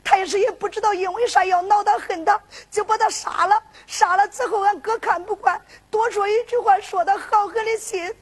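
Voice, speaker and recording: A woman's voice: very high-pitched, steady tone, normal speed, hardly any pauses. A woman with a Henan accent voicing a distressed young woman who pleads tearfully for her brother, in a zhuizi storytelling performance. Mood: pleading.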